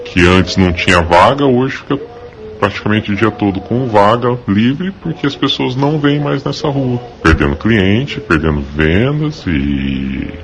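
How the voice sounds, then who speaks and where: A shop owner speaking hesitantly in a street interview, his voice disguised by a voice changer. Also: sits low. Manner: hesitant, many filler sounds. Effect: voice altered by a voice changer.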